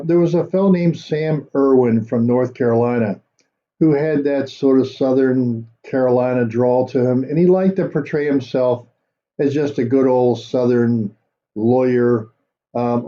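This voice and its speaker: A man hosting a political commentary show, talking in a measured, conversational way with frequent fillers. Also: medium pitch, dark tone, muffled recording. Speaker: commentary host.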